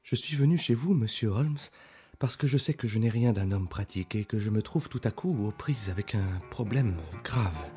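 Fluttery, eager young country doctor, timid but excited; a male narrator puts him on, audiobook reading. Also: on the low side, moderate pace, soft background music, natural voice. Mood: earnest.

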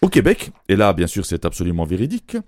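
Jokey male radio columnist, lively pitch. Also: fast talker, no echo, clean studio sound. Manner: joking, teasing, laughs between lines. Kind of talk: humorous radio chronicle.

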